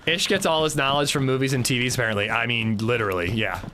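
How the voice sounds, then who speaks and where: In a laid-back gaming livestream, a man talks with viewers and friends, poking fun at himself and reading chat aloud. He speaks fast at a medium pitch, his voice bright and pushed, and the recording carries slight hiss or hum.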